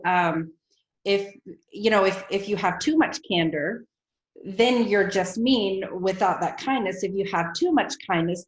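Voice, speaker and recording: A woman hosts a book club discussion over a video call. She talks in an upbeat, chatty way with frequent ums. Her audio has a roomy echo. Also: mid-range voice. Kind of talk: casual chat on a video call.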